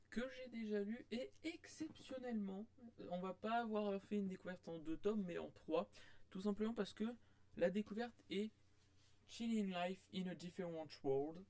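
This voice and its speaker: A man's voice: high-pitched, mellow, no echo. A man chatting casually through a manga review, rambling, with many fillers and restarts.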